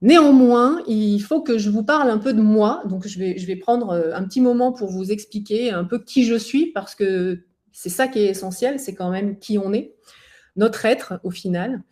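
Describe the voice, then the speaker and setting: A woman's voice: mid-range voice, moderate pace, darkish tone. Chatty woman in her forties presenting. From southern France. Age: 40s. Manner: chatty, frequent hesitations, anecdotal asides. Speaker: former athlete giving a webinar talk. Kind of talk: conversational webinar presentation.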